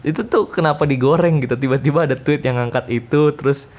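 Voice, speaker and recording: A man's voice: mid-range voice, fast talker, darkish tone. A young man from Indonesia, giving his opinions in a casual, chatty monologue full of fillers.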